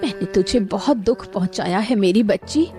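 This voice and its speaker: A woman voicing a weary middle-aged mother in an animated story, emotional and tearful. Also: medium pitch, moderate pace, music in the background, natural voice. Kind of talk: Hindi cartoon voice acting.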